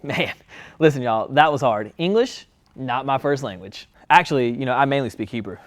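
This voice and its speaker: A man's voice: medium pitch, expressive, normal speed, close to an everyday voice. A man playing King Solomon as a laid-back, chatty guest on a talk-show skit. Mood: casual. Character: King Solomon, adult male king, friendly and casual.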